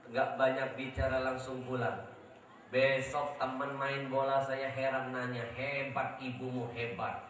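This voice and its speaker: A man preaching a sermon at a religious gathering. He is lively and joking, and he often asks the crowd for agreement. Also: medium pitch, unhurried, far from the mic. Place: large outdoor religious gathering. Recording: echoey sound system heard from afar, with noise.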